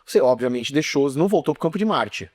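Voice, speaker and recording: A man's voice: mid-range voice, animated, quick pace, a little mellow. A man hosting a podcast, recapping the guest's story with brief prompting remarks. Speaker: podcast host. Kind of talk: interview questions.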